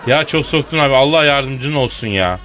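A man hosting a comedy radio show, joking and laughing through quick asides. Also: medium pitch, expressive, fairly bright tone, faint music behind. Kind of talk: comic radio banter.

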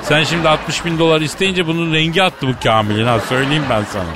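A man's voice: a little high, fast talker, background noise. A man hosting a comedy radio show, teasing his co-host and staging a fake phone call. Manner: jokey, teasing, mimics the other end of a phone call.

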